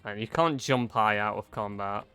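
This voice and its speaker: A man's voice: lowish voice, normal speed, pushed and bright, clean tone, soft background music. A man giving casual commentary while playing through a video game.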